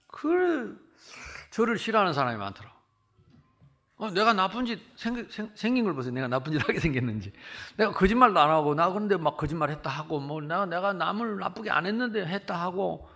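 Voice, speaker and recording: A man in his sixties from the Jeolla region of South Korea, preaching a sermon as pastor with animated storytelling that swings from loud to hushed. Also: sits high, quick pace, gravelly. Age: 60s.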